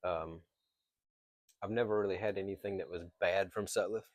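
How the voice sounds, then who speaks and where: A man giving a casual, unscripted product review as a reviewer, pausing mid-thought and thinking aloud. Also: sits low, steady tone, no echo, clean studio sound. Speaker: pipe tobacco reviewer.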